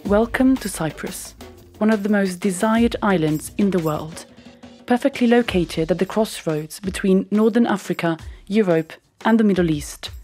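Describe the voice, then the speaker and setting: Mellow female documentary narrator. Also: medium pitch, moderate pace, faint music behind.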